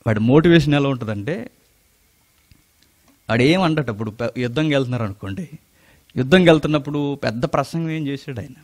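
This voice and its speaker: A male preacher, giving a sermon that swings between loud exclamations and low murmurs, often asking the audience questions and answering them himself. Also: fast, long pauses.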